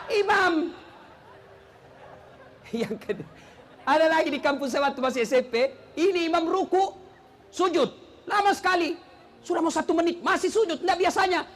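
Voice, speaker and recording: A male preacher from South Sulawesi delivers a comic sermon in a very high voice. He tells stories, slips into character voices and drops his tone for punchlines. A faint hum of the room sits behind him. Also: a bit bright. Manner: joking storyteller, acts out characters, drops low for punchlines. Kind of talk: humorous sermon.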